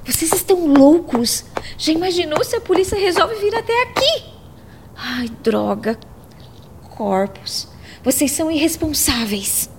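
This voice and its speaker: A woman's voice: sits high, very animated, measured pace, full character voice. A woman playing a stern, bossy politician's wife, scolding and imperious, in a radio soap opera. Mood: alarmed. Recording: faint background noise.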